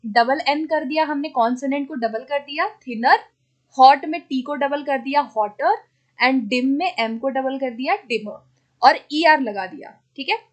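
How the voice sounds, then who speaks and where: With a high-pitched voice, a female teacher runs an exam-prep grammar lesson, posing questions and answering them herself. She checks in often and spells out example words slowly.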